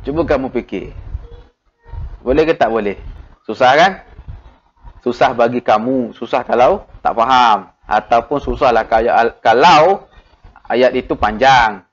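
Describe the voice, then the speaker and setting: A man's voice: mid-range voice, measured pace, long pauses. Patient Malaysian Malay man teaching, lo-fi. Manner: patient, coaxing, fills with "ha". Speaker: primary school teacher. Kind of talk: video grammar lesson. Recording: dull lo-fi audio.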